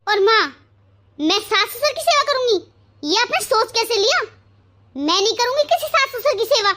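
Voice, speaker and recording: A woman voicing a quick-tempered young married daughter in a cartoon who argues back at her mother. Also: extremely high pitch, lively intonation, pushed and bright, heavily acted. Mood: defiant. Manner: defiant, argumentative.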